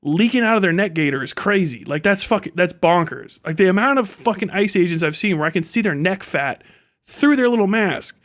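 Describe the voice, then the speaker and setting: A man with a high-pitched voice talks a little fast while hosting a livestream off the cuff. The casual monologue is slangy, blunt and profane, and he animatedly acts out pieces of imagined dialogue.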